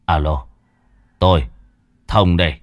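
A man's voice: sits low, slow, no echo, studio quality, pitched below the performer's own voice. A man voicing a frightened older train driver who stammers nervously. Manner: shaky, stammering.

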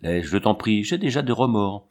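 A man giving voice to a tender, hesitant woman, torn by scruples and sighing between words. the voice stays fairly low and unforced, like a storybook reading rather than full acting. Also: expressive, normal speed, darkish tone, natural voice. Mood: regretful.

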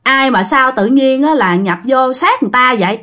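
A woman playing an older village man who coaxes a ghost, in a soothing, pleading, lowered voice. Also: lively intonation, moderate pace, pushed and bright. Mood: coaxing. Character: calm older male village spirit-chaser.

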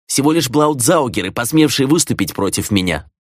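A man's voice: mid-range voice, lively intonation, brisk, dry recording, studio quality, pitched above the performer's own voice, lightly acted. A man reading an audiobook voices an arrogant, scornful male vampire clan lord. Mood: mocking. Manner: scornful, domineering, shouting at times. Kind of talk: audiobook character voice.

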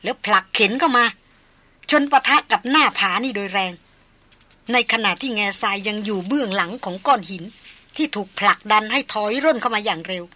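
A woman's voice: medium pitch, animated, a little fast, sharp tone. A woman voicing a grieving veteran male hunter who speaks in a subdued, choked, polite way. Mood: grave restrained.

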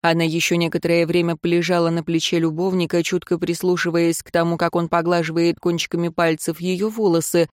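Low-voiced woman reading an audiobook. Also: monotone, fairly quick, few pauses, darkish tone, dry recording, clean studio sound. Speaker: audiobook narrator. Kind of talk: scripted narration.

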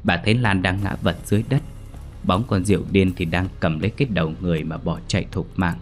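A man narrating a horror story dramatically, slowing down at grisly details. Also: sits low, fairly even intonation, faint music behind.

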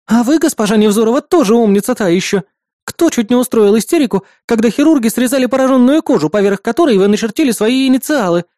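A man's voice: extremely high pitch, a little fast, dark tone, dry recording, studio quality, voice pushed up. A man voicing a bossy, jealous young woman in an audiobook, scolding and bickering. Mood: teasing. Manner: indignant, bickering. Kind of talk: audiobook character voice.

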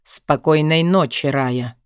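A woman's voice: low voice, takes it slowly, smooth, dry recording, studio quality, pitched below the performer's own voice. A woman doing a cold, curt young man. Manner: terse, clipped, commanding.

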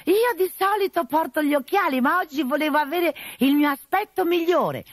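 A woman doing a shrill simpering fake lady. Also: lively intonation, normal speed, dry recording. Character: male servant disguised as a fussy lady.

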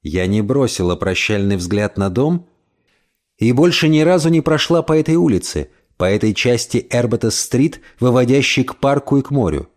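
A man reading a first-person novel aloud as audiobook narration, calm and measured. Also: mid-range voice. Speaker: audiobook reader. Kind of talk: scripted narration.

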